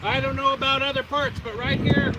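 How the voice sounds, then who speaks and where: A man's voice: very high-pitched, flat delivery, a little fast. A man talking in a casual, folksy, plain-spoken way as he helps run an outdoor auction. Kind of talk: casual sale announcements. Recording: very noisy outdoor recording, vehicle noise.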